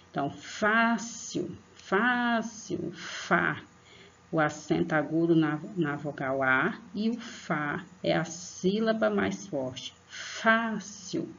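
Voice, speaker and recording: A woman with a low-pitched, gravelly voice patiently teaches children in an online lesson, speaking to them as "tia". She draws out and stresses example words. The sound is dull lo-fi online class audio.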